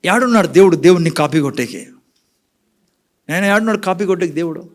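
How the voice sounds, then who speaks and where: A man preaching a sermon in church with a Rayalaseema Telugu accent, asking the congregation questions and switching between quiet and loud passages, dropping in English phrases. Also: high-pitched, lively intonation, fast talker. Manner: mixes in English words and phrases. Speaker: pastor.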